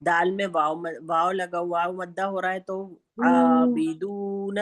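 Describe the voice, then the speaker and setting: A woman with a Pakistani Urdu accent teaching Quran recitation in an online class, speaking slowly and patiently and stretching out sounds to demonstrate them. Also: lowish voice, level tone, a bit bright.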